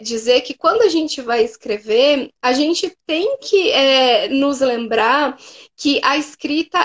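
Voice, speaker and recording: A woman's voice: high voice, highs cut off. A woman hosting a conversational interview, explaining patiently and often tagging her sentences with "né". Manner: explanatory, frequent "né" tags. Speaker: host and writing therapist.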